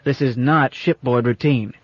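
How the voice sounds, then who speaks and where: A man doing a gruff, folksy old captain. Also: mid-range voice, moderate pace, no echo, natural voice. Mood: stern, folksy. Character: gruff, bossy old space captain, affectionate. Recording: dull lo-fi audiobook recording.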